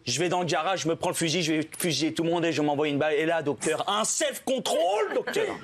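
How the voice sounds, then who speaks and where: High-voiced man telling stand-up jokes. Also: fairly even intonation. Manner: quick joke delivery, acts out characters' lines with shifting pitch. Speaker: stand-up comedian.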